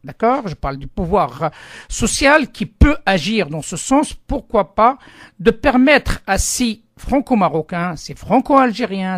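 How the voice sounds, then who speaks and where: A man's voice: sits high, no echo. Male radio host posing long, winding questions in a dead-dry studio. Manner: rambling, repeats himself while framing questions. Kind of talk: radio interview.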